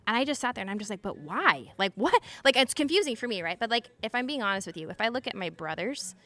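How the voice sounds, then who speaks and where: A woman's voice: on the high side, lively intonation, racing, fairly bright tone. Chatty woman swearing casually. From Utah. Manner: chatty, lots of "like" fillers and swearing, laughs often. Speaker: podcast guest. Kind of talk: candid casual conversation.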